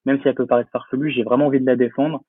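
A man's voice: mid-range voice, little pitch movement, rapid-fire, slightly rough, no echo. A young man chatting as an interview guest, his speech full of hesitant fillers and self-corrections. His voice comes through a thin, phone-like line with no room sound at all. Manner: hesitant, many fillers and restarts. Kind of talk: casual interview talk. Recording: tinny phone-like line, dry.

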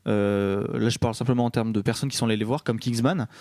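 A young male host leads a film chat with a playful, halting delivery and a taste for wordplay. His voice sits at a middle pitch. The recording is dry and close. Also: fairly even intonation, a little mellow, dry recording. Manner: playful, hesitant, fond of wordplay. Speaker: podcast host. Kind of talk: casual film chat before a live audience.

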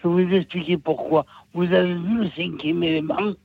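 Gravelly southern French man on a phone line. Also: high-pitched, fairly even intonation, dry recording. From Nîmes, southern France. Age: 60s. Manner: rambling, halting, repeats himself. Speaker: caller. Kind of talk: call-in radio chat. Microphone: telephone.

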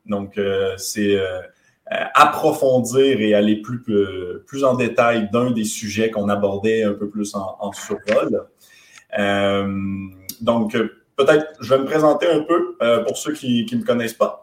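A man's voice: lowish voice, roomy sound. A man from Quebec with a light Québécois accent, hosting a live webinar in a casual, hesitant way with many fillers. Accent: light Québécois French. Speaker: webinar host.

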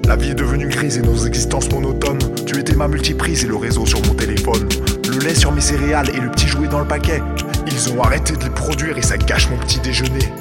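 An actor playing a grieving, rambling mourner who delivers a mock-solemn eulogy in a comic audio drama. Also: male voice, medium pitch, steady tone, fast talker, natural voice. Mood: mournful. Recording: loud music under the voice.

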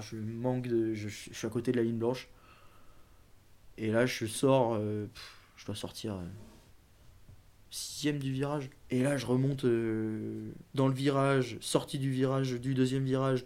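A man's voice: mid-range voice, level tone, unhurried, a little mellow. Give me a young man around nineteen telling his story in a casual interview, rambling with lots of fillers and restarts. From France. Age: 19, young adult. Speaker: guest, junior BMX racer.

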